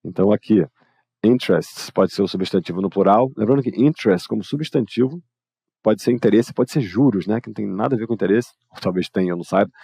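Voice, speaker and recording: A Brazilian man with a low, gravelly voice leads an online English lesson. He explains casually and addresses his students directly. His tone is dark and husky, recorded close and dry. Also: fast talker, dry recording. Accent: Brazilian Portuguese. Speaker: English teacher. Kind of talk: live online grammar lesson.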